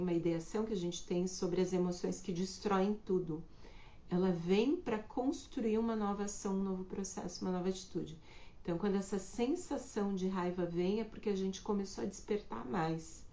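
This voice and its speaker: A woman giving a reflective live talk in a relaxed, explanatory way. Her voice is slightly hoarse. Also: moderate pace. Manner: reflective, acts out quoted remarks in a higher voice. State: slightly hoarse, clearing throat. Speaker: host of a live talk on communication. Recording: echoey room, slightly dull sound.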